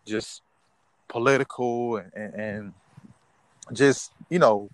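A man's voice: medium pitch, fairly even intonation, slow, no echo. Reflective man, dry close sound. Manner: reflective, rambling, fills with "you know". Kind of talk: casual discussion.

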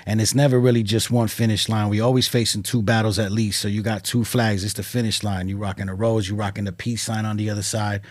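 A man's voice: on the low side, little pitch movement, fast, hardly any pauses, dry recording. A man, a rapper, casually promoting his work in slangy talk, repeating catchphrases and words for emphasis. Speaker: rapper promoting merchandise and music.

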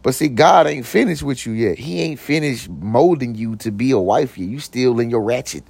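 Animated and moderately paced, a young man hosts his own podcast in a creaky, darkish, slightly rough voice that recently got deeper, captured in a dry recording. His casual motivational talk rolls along loosely with slang and "you know what I'm saying," as he jokes and does silly voices.

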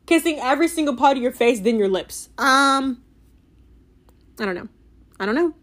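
A woman's voice: high-pitched, normal speed. Giggly young woman gushing about a book. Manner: gushing, with many filler "like"s; giggly and animated. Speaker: book reviewer. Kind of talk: casual book review chat.

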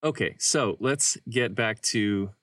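A man's voice: on the low side, slow, dry recording, distant mic. A young man co-hosting a podcast, talking in a loose, rambling way with lots of filler words. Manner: relaxed, rambling with many "like" fillers. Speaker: podcast co-host. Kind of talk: casual chat.

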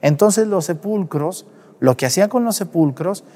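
A man's voice: sits high, lively intonation, moderate pace, warm tone, long reverb tail. A man preaching a sermon at mass, scolding the congregation directly with rhetorical questions. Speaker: priest. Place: church.

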